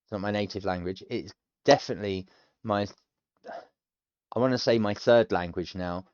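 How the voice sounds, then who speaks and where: Working his way through a language course, a British man in his thirties keeps up a casual, rambling commentary, chatty and quick to put himself down. He streams his learning. His low, darkish voice is clear and resonant at a normal speed, recorded dry, and the audio sounds dull.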